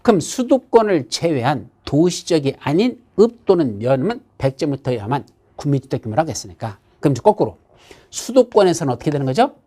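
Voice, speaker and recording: A male lecturer from South Korea teaches exam prep in a pitch that rises and falls freely. He asks the class a question and answers it himself. He hammers key terms through repetition. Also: sing-song, brisk, dark tone, husky. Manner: repeats key terms with emphatic insistence. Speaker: real estate law lecturer.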